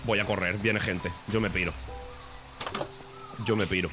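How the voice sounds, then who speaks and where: A man from Spain with a Spanish accent, streaming a game in casual commentary, excitable and swearing, breaking into shouts. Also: deep voice, unhurried, music in the background.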